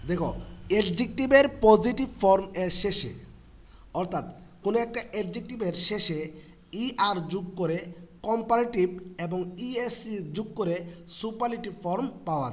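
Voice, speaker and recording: A man teaching English grammar to students. He keeps asking rhetorical questions, answers them himself and spells words out letter by letter. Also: sits high. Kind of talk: explanatory lesson for students.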